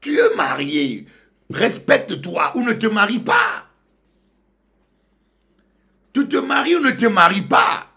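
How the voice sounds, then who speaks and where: Pastor guy preaching, voice jumps all over, loud then quiet. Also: takes it slowly, creaky, pauses often. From Congo. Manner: animated, swings between loud outbursts and low murmurs, laughs. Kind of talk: sermon.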